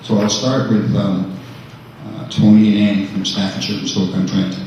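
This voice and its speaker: Older man, low flat memorial remarks. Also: moderate pace, highs cut off, a little hiss or hum. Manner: plain and slightly hesitant. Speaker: son closing a memorial. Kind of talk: memorial speech. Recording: echoey hall from far off.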